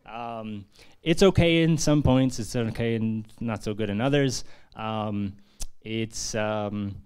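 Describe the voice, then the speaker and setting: This American author, presenting his book in a press centre conference room, speaks slowly in a smooth, somewhat low and slightly mellow voice. His launch talk is casual and earnest, with many fillers.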